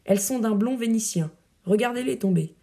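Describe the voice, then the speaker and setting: A woman's voice: a little high, a little fast, dark tone, close to an everyday voice. A woman voicing an affectionate noblewoman who chides lightly and fondly, reading verse drama. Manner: light, fond scolding. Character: noblewoman, affectionate, chiding, devoted widow.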